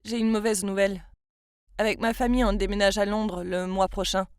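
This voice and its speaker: A woman voicing a kind, protective young boy in a storybook narration, speaking slowly and firmly. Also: mid-range voice, little pitch movement, clear, resonant tone, no echo, studio quality, natural voice. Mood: sad.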